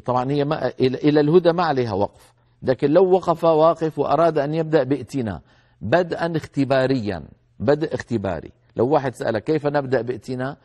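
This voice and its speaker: A man teaching Quran recitation rules, explaining carefully and slowly stretching out words to demonstrate their pronunciation. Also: medium pitch, darkish tone. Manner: addresses listeners as brothers. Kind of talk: tajweed lesson with recited examples.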